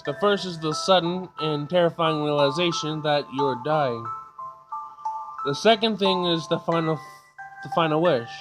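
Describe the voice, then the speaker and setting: Hosting a casual gaming video, a fairly high-pitched man reads the game's text aloud informally and trips over words, with game music in the background.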